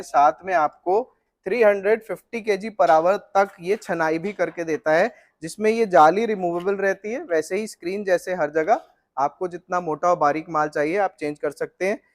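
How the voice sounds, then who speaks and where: A middle-aged man giving a steady technical walkthrough of flour mill equipment, explaining it directly to the viewer. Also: sits high, normal speed.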